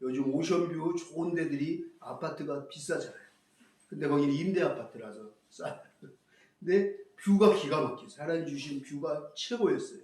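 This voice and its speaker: A man preaching a sermon as pastor, telling a story with lively acted-out quotes. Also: a little high, moderate pace, recorded from a distance. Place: church hall. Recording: echoey hall, voice from afar.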